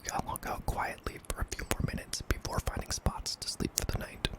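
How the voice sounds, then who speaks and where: A man narrating a scary story in a hushed, breathy ASMR whisper, deliberate and broken into short phrases. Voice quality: breathy, mostly unvoiced whisper with some creak.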